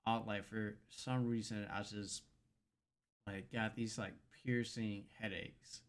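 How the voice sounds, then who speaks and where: Smooth, low-voiced man recounting casually. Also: flat delivery. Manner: hesitant, halting with "um" and "like". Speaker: podcast co-host. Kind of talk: casual chat, telling a story.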